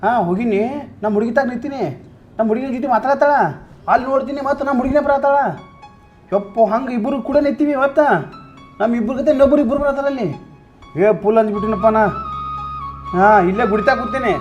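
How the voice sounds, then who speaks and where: A man with a North Karnataka Kannada accent acting in a comic sketch, talking in a fast, panicky way. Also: very high voice, dull audio, faint music behind. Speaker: comedian.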